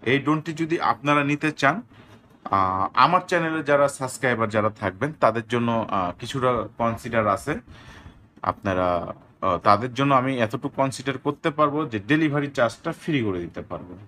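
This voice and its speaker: A man from Bangladesh shows a toy drone to viewers. He talks slowly and deliberately, repeating himself as he walks through the features, in a voice of ordinary pitch. Faint noise sits under the recording. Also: lively intonation, pushed and bright. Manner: slow, deliberate, repetitive salesman talk. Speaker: drone seller. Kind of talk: product demo vlog.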